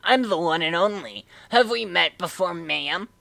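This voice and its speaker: A woman's voice: lowish voice, animated, measured pace, vocal fry, bright, forceful tone, no echo, heavily acted. A woman reading the lines of a polite male cartoon hedgehog who says he was once cocky and is now mature. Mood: proud. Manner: formal, apologetic politeness read aloud from a script.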